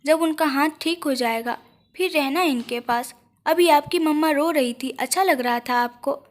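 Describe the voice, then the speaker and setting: A woman voicing a calm, firm young husband. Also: high-pitched, normal speed, lightly acted. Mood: firm, caring. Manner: patient, gently stern.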